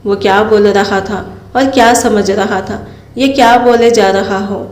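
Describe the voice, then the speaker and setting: A woman narrates a first-person moral tale at an ordinary middle pitch. Her voice carries a noticeable room echo, and when the characters speak she keeps her own plain tone. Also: fairly even intonation, unhurried, a little mellow. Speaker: storyteller. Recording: roomy echo.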